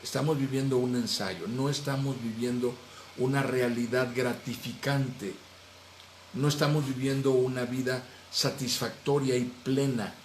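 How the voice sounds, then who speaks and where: Earnest pastor in an echoey hall. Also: male voice. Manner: earnest, swings between raised animated phrases and low soft trailing endings. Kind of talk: Bible study teaching. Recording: echoey room, faint background noise.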